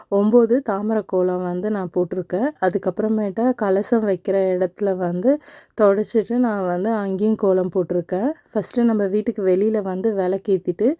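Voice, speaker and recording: A young woman with a Tamil accent calmly explains a home ritual step by step as a vlogger, slowly chanting short prayers. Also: medium pitch, no echo, clean studio sound.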